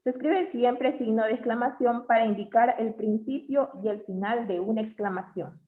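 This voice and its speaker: A woman reading a class presentation on punctuation, going through definitions and examples in a measured way. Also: fairly high pitch. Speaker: student presenter. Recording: tinny phone-like audio in an echoey room.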